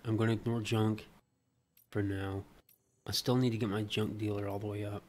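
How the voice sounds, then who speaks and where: A man livestreaming a video game, casually thinking aloud in a low-key way as he plays. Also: flat delivery, normal speed, a little mellow, a little hiss or hum. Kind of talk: casual play-by-play gameplay commentary. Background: faint game music.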